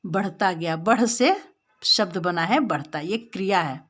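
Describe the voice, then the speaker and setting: A woman's voice: on the low side, expressive, unhurried, fairly bright tone, slightly rough. A woman with an Indian accent teaching a lesson to young children, patiently explaining step by step and repeating words. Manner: addresses the children directly.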